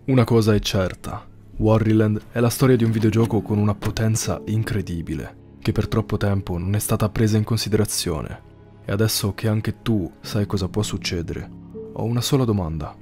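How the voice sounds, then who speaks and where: A man narrating a horror story in a measured, somber scripted read. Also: lowish voice, fairly even intonation, warm tone, soft background music.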